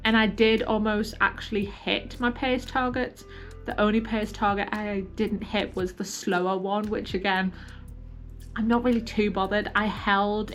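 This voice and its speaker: Chatty woman vlogger talking casually to camera. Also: medium pitch. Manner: informal, chatty, self-deprecating. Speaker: running vlogger.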